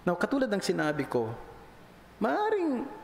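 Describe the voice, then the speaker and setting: A high-pitched male preacher delivers a sermon, moving between Tagalog and English and swinging his voice up and down for emphasis. He is recorded in a church hall with a long, roomy reverb. A faint hiss sits under the sound. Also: huge pitch swings, a little slow, vocal fry. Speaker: pastor. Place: church sanctuary.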